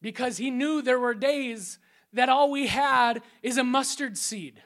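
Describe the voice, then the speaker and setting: Lively preacher man acting out scripture. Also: extremely high pitch, a little slow. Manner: lively preaching that drops to a hushed, prayerful tone in quoted prayers; acts out scripture scenes and crowd voices with playful sound effects. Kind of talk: sermon.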